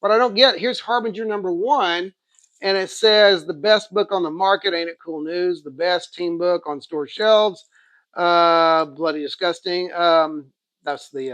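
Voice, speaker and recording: Here a man with an Oklahoma accent, the host of a comics channel, casually presents and reviews a haul, thinking aloud and rambling as he goes. He sits high in pitch with a slightly bright sound, recorded dry.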